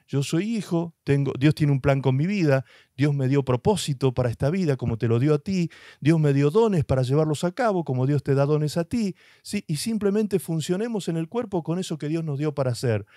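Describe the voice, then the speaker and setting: A man's voice: a little high, lively intonation, brisk, few pauses, dark tone, no room sound, studio quality. A man preaching a sermon as pastor, emphatic and full of rhetorical questions, with short mocking put-on voices.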